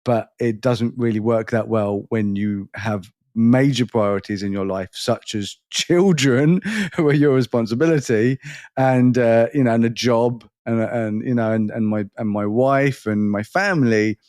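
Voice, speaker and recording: A man's voice: mid-range voice, measured pace, a little mellow, no room sound, clean studio sound. A middle-aged man with a London and Surrey accent, hosting a podcast in casual, rambling, self-deprecating chat. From England. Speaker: podcast host.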